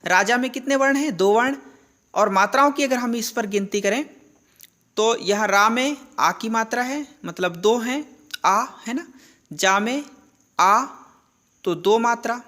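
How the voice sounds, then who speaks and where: With a fairly high, fairly bright voice, a woman takes an unhurried approach to a classroom-style grammar lesson, leaving long pauses. She asks questions, answers them herself, and repeats the key terms.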